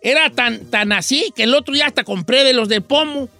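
High bright-voiced comic radio host man. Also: faint music behind. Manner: joking, rapid switching into playful English. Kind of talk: comedic radio morning show banter.

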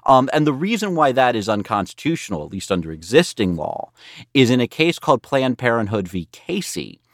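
A man's voice: medium pitch, big pitch swings, fairly quick, dry recording, clean studio sound. An American man speaking as a legal correspondent, explaining things emphatically in an interview.

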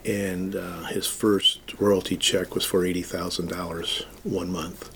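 A man's voice: sits low, flat delivery, unhurried, gravelly, a bit bright, a little hiss or hum. A man who is a county commissioner, speaking plainly in an interview clip.

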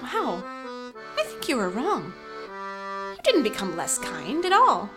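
An actress playing a smooth, sinister corporate woman hosting a radio show in an audio drama, coolly persuasive, with faint music behind her. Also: on the high side, wildly swooping pitch, a little slow. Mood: silky menace.

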